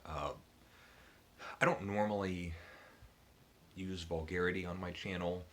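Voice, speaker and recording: A man's voice: low voice, fairly even intonation, measured pace, slight background noise. A man hosting his book channel, casually telling a personal story to the camera with many ums and restarts. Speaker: booktube channel host.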